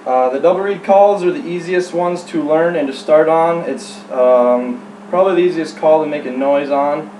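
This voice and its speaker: A man giving an informal how-to demonstration as a hunting instructor, speaking in a halting, plain-spoken way. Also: on the high side, warm tone. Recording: roomy, distant mic, faint hum.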